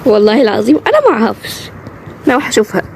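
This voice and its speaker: A woman's voice: a little high, sing-song, creaky, noisy background. Egyptian woman voicing a home-made cartoon drama. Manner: quick, chatty lines shifting from role to role.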